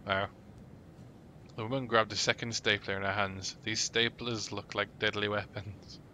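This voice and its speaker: Man, gaming video, low voice, reads game text, noisy background. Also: flat delivery, normal speed, bright, forceful tone. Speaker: gaming YouTuber. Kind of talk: let's play, reading game text aloud.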